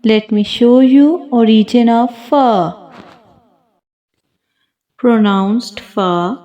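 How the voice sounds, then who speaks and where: A woman teaching a slow alphabet lesson for children, deliberately repeating each sound for pupils to copy. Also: on the high side, warm tone, muffled recording. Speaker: Quran teacher.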